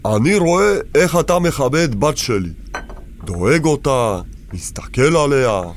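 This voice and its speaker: A man's voice: medium pitch, animated, slight background noise, lightly acted. A man playing a stern old father. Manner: broken Hebrew, commanding. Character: older immigrant father, stern and protective. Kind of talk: radio drama acting.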